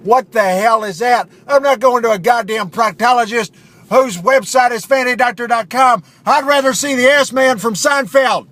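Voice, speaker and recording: A man voicing a cranky, foul-mouthed barfly in a spoof radio ad, loud and irritable. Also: very high voice, moderate pace, pitched above the performer's own voice.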